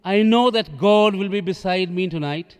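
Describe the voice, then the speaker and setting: A man, a priest reading the gospel and preaching in a measured, solemn way, his voice echoing through a large basilica. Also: sits high, clean tone. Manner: slow, measured, solemn delivery. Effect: cathedral echo. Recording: long reverb from the church hall.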